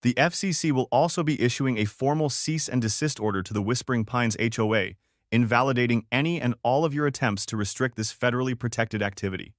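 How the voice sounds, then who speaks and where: A man voicing a calm government official in a suit, polite but firm and authoritative. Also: medium pitch, fast talker, no room sound, clean studio sound, lightly acted.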